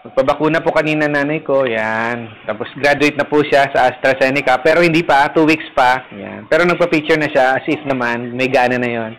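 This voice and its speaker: A man's voice: medium pitch, fairly quick, few pauses, a bit bright, low-quality recording. A man, a parish priest, chatting casually on a livestream, greeting viewers by name and joking playfully. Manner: playful, teasing, laughs at own jokes. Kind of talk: casual livestream chat reading viewer comments. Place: rooftop garden, third floor.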